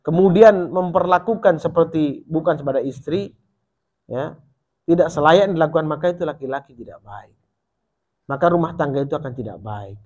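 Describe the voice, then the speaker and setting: A man preaching a sermon, rising high and loud to urge and dropping low and soft to warn. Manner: rises in pitch and volume when urging, drops low and soft when warning.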